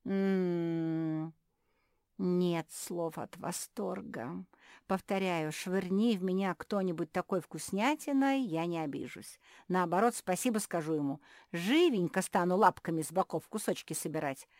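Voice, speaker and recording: Lady doing a happy sweet-loving doggy seamstress, bright and chatty, storybook vibe. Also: lowish voice, expressive, normal speed, hardly any pauses, dry recording, clean studio sound, close to an everyday voice. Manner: chatty, dreamy, eager. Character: cheerful greedy female dog seamstress, sweet-lover.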